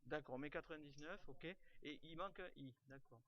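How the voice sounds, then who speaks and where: A slightly high, somewhat bright male voice moves at a fairly quick clip as he teaches an online class. Heard through a computer mic on a video call with lo-fi sound, he speaks loosely with lots of fillers and restarts.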